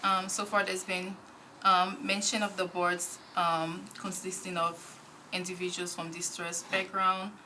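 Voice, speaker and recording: A young woman from Haiti answering interview questions as a board nominee, measured and full of small pauses. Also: lowish voice, flat delivery, pushed and bright, a little hiss or hum, low-quality recording. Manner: measured, frequent ums. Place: council committee room.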